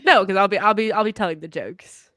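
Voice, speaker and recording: A woman co-hosting a casual podcast with a nasal voice, playful and quick to laugh. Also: medium pitch, very animated, a bit bright, no echo, clean studio sound. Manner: playful, laughs easily, tells puns. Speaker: podcast co-host. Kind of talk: casual chat.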